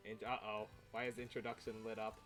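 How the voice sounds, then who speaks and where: A young man streaming a game, chatting casually and playfully with his viewers, laughing often. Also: fairly low pitch. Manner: playful, chatty, reads chat aloud, frequent laughs. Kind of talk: casual livestream chat.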